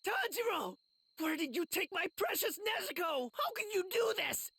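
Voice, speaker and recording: A man's voice: very animated, normal speed, bright, forceful tone, reverberant, big-room sound, full character voice. An actor voicing a cowardly, whiny teenage boy demon slayer in a video game cutscene, panicky and self-pitying. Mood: panicked. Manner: panicky, shrill and self-pitying, shrieks often.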